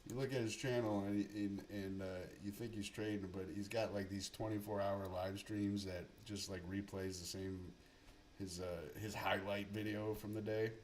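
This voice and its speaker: A man's voice: lowish voice, little pitch movement, normal speed, darkish tone, slight background noise. A man giving profane, mumbling running commentary on his live trading stream. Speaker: livestream day trader.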